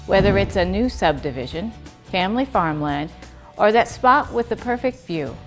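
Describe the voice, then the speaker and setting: A woman's voice: medium pitch, lively intonation, normal speed, faint music behind. A woman reading scripted promotional narration as the narrator of an infomercial.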